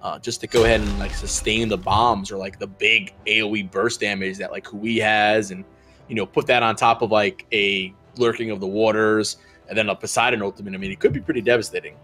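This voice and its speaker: Soft music plays behind a man casting a video game match in a lowish, slightly bright voice. He talks fairly quickly with flat delivery, rambling through the picks with lots of fillers and restarts.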